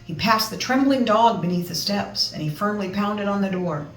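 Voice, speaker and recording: Female storybook reader, expressive with chatty asides, medium pitch, echoey room, slightly distant mic. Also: moderate pace. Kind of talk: expressive children's read-aloud with chatty asides. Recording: roomy, distant mic, music behind.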